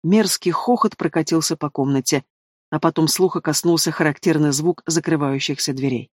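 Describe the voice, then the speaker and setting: A man narrating an audiobook in measured storytelling. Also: a little high, no room sound. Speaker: audiobook reader. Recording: dry close studio sound.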